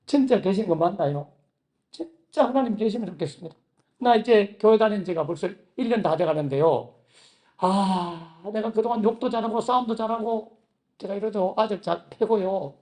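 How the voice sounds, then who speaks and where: A man preaching a sermon in a Gyeongsang Korean accent, telling his own story with lively swings between quiet narration and loud, pleading outbursts. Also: high voice, normal speed. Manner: animated storytelling, acting out his own past prayers with sudden loud outbursts. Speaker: pastor. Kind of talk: sermon with personal testimony.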